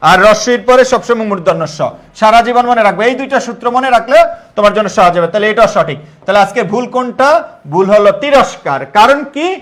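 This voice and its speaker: A young man with a Bangladeshi Bengali accent runs a live online Bengali grammar lesson. His voice sits high, and he keeps coaxing his students, asking the same question again and mixing in pep talks. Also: fairly bright tone. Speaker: online admission-test tutor.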